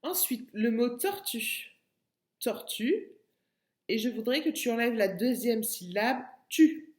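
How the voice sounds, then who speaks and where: A woman teacher speaks very slowly and patiently to small children, spelling out syllables and saying each word twice. Her voice sits at an ordinary middle pitch. The room around her sounds roomy and echoey. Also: expressive, darkish tone. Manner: slow, patient, repeats words and syllables. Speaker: kindergarten teacher. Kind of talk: remote lesson for young children. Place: home room by a window.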